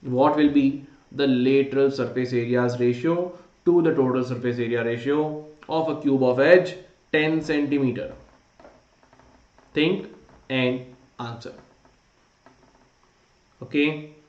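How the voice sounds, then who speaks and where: A man's voice: medium pitch, slow, long pauses, a little mellow. A man with an Indian accent teaching a live online quiz class, informally urging students on and mixing Hindi phrases into his English. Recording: dull, roomy, echoey sound.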